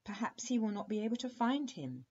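A woman's voice: mid-range voice, sing-song, fairly quick, a little mellow, slightly rough, voice pushed up. A woman voicing a witch's young daughter in a bedtime storybook, slightly raised, on a dull lo-fi recording. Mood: fretful. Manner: lightly raised, dropping to a whisper at times.

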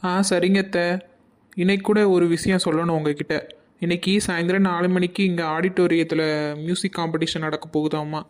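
Young daughter-in-law, apologetic and polite; a woman voices her even and level. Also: lowish voice, a little fast, natural voice. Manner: apologetic, pleading. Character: flustered young mother, respectful daughter-in-law. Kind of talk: cartoon voice acting.

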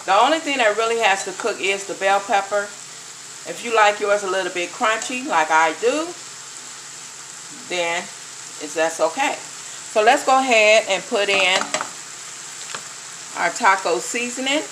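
A woman's voice: mid-range voice, unhurried, pauses often, a bit bright. A middle-aged woman talking viewers through a home cooking recipe in a chatty, casual way, speaking to "you guys" as she cooks at her kitchen stove. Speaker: home cook vlogger. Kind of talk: casual cooking vlog narration. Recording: faint noise, food sizzling in the pan.

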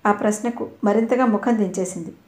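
A woman narrating an audio novel in steady storytelling. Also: medium pitch, brisk, echoey room.

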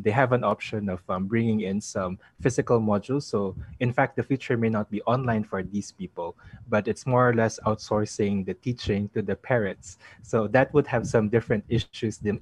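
A man in his thirties answers on an online panel, thoughtful and full of small um fillers. His voice is low and slightly husky. The sound is dry and close to the mic. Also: darkish tone, no echo. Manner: quick, thoughtful, many um fillers. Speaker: researcher on panel. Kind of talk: panel answer on video call.

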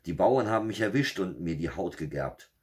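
A man reading a fairy tale aloud, voicing a greedy, bullying male wolf with a gruff, demanding manner. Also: low-pitched, lively intonation, moderate pace, voice pushed up. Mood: whining.

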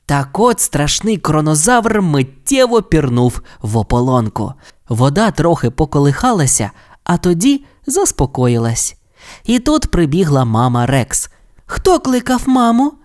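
A man narrating a children's audio fairy tale with expressive, animated storytelling. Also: a little high, unhurried.

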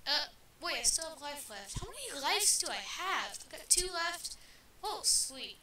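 A high-pitched woman rattles off game commentary, getting worked up over close calls and chatting to her viewers. Her voice comes through a heavy, ringing echo from her own speakers, sitting back from the microphone with a clear hiss of noise behind it. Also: unhurried, distant mic. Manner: chatty, easily excited, talks straight to viewers. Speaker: gameplay commentator. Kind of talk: casual let's-play commentary. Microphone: desk microphone with speakers playing back. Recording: very echoey, off-mic, clear background noise.

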